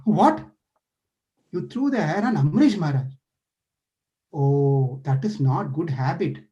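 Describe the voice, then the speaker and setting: A man with a slightly high, mellow voice plays a playful, caring male deity in a devotional story, eagerly and curiously questioning a frightened sage. He's expressive and unhurried. The audio is lo-fi.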